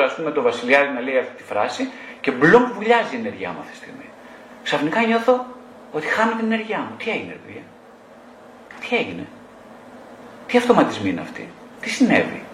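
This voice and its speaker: A man's voice: fairly high pitch, fairly bright tone, reverberant, a little hiss or hum. A male psychotherapist giving an explanatory lecture, often posing rhetorical questions.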